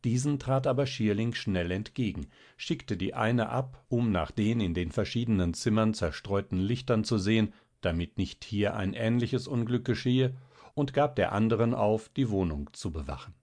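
A man narrating a classic novel as an audiobook in a steady, even reading. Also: fairly low pitch, normal speed. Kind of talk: scripted literary narration.

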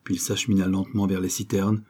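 A man with a low, husky voice narrating a literary novel. His reading is measured and expressive. His tone is dark and mellow. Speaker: audiobook narrator.

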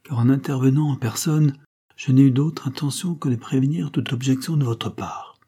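A man's voice: medium pitch, normal speed, dark tone, husky, voice pushed up. A man reading as an icy, stern young duchess. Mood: cold. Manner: icy and implacable. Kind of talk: audiobook character reading.

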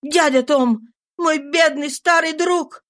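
A woman's voice: sits high, unhurried, voice pushed up. A woman voicing an earnest young man who pleads passionately in an audiobook reading. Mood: pleading, impassioned. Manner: pleading and impassioned.

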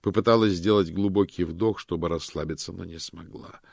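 A man reading a novel aloud as narrator, in an expressive, dramatic way. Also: low voice, a little fast, vocal fry, no room sound, clean studio sound. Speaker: audiobook narrator. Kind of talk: scripted narration.

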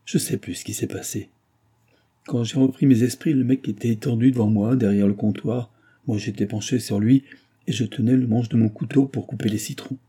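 A man's voice: steady tone, a little fast, mellow, breathy edge, close to an everyday voice. A man reading an audiobook voices a distraught young woman who owns a bar, tearful and pleading. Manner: tearful, pleading, rising pitch.

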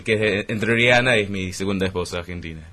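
A man's voice: sits low, fast, a crowd in the background. A man from England whose first language is English, a writer guesting on a radio show, telling stories in a joking way with frequent restarts. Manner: wry, joking storyteller with hesitant restarts. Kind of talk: casual radio interview chat. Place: radio studio.

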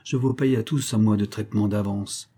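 A man's voice: on the low side, fairly even intonation, moderate pace, mellow, husky. A man voicing a cold, authoritative male billionaire who gives curt orders in a raised voice. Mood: icy, commanding.

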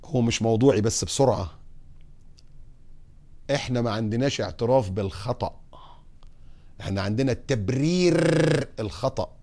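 A man with an Egyptian accent preaching on morals, putting lively rhetorical questions to his audience and telling humorous anecdotes. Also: medium pitch, moderate pace, vocal fry, pauses often. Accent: Egyptian Arabic. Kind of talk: religious talk on morals.

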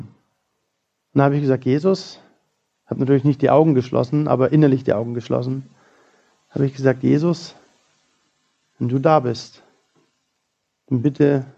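Male preacher, fairly high pitch with a gravelly edge, earnest storytelling sermon, dull lo-fi church recording. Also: dark tone. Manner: earnest storytelling with quoted prayers.

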